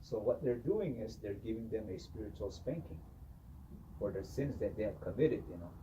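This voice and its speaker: A man telling a traditional story in an animated way, often saying "you know". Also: on the low side, normal speed, noisy background. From Hopi. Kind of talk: oral storytelling. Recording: distant mic with faint ambience.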